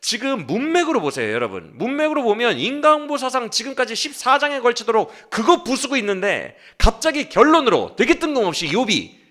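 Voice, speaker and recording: A man's voice: extremely high pitch, sing-song, a little fast, fairly bright tone. A man preaching an expository sermon in a church, who acts out scripture quotes dramatically and keeps checking in with his congregation. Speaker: pastor. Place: church sanctuary.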